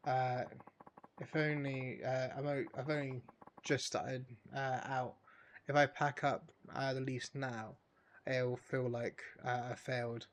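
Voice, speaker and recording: A man reading out the lines of an earnest, stubborn young male mushroom seller in a video game, halting and full of fillers. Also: mid-range voice, level tone, natural voice. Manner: halting read with many fillers.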